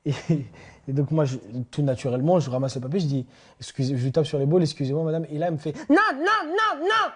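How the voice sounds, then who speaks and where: A man's voice: fairly high pitch, fairly even intonation, racing, mellow. A man telling an anecdote in an interview, chatty and amused.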